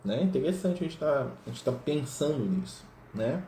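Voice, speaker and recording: A man's voice: on the high side, animated, normal speed, dark tone. A man leading a study group in casual teaching talk, reading passages aloud and checking in with many tag questions. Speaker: spiritist study group leader. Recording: roomy echo with faint noise.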